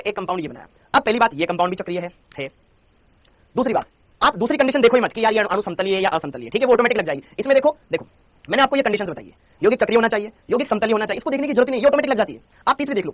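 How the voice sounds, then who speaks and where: Young guy teaching chem super fast, keeps repeating stuff, nags the class to answer. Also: high voice, fairly bright tone, no echo. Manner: rapid, repetitive, coaxing students to answer. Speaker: chemistry teacher. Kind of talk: Hindi classroom lecture.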